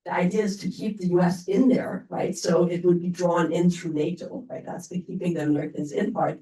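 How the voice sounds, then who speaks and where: A woman panelist with a stuffy, cold-affected voice gives an explanatory talk. Her tone is soft-edged and dark, picked up at a distance in an echoey room. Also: on the low side, fairly even intonation, brisk. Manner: explanatory, often checking with "right?". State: stuffy voice from getting over a cold. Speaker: panelist, security expert. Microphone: only microphone among the speakers.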